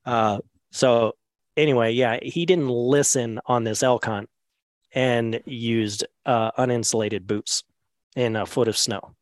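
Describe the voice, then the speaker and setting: A man casually telling a hunting story in a podcast, animated and laughing often, with many fillers. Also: medium pitch, slow, no room sound.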